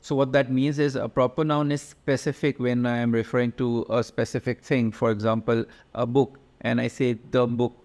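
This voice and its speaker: A man's voice: mid-range voice, flat delivery, moderate pace, hardly any pauses, a little mellow. A man teaching a slide-based lesson, explaining step by step with lots of fillers and restarts. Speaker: language teacher.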